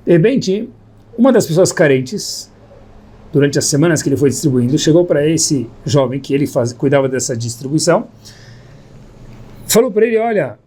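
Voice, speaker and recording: A man gives a storytelling Torah lesson to his listeners, voicing each character's lines in turn. His voice sits a bit high but sounds dark and husky. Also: moderate pace, pauses often. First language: Hebrew terms mixed in. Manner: animated storyteller, acts out quoted dialogue. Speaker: rabbi teaching a Torah class.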